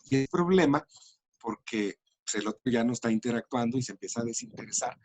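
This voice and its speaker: A man's voice: medium pitch, lively intonation, brisk, darkish tone. A man explaining language and communication in an interview, thoughtful and full of small restarts. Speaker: education and language researcher.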